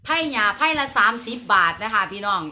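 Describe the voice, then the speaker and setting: Bright, high-voiced Isan woman hyping live sales. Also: lively intonation, a little fast, dull audio. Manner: chatty, repetitive pitching, folksy address to viewers. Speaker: live-stream seller of chillies and farm produce. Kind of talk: hyped live selling patter.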